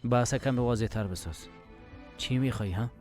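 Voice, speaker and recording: An actor dubbing a hot-tempered young man who is defensive, confrontational and quick to anger. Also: medium pitch, darkish tone, soft background music, natural voice. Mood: irritated. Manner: confrontational, repeats demands to speak plainly.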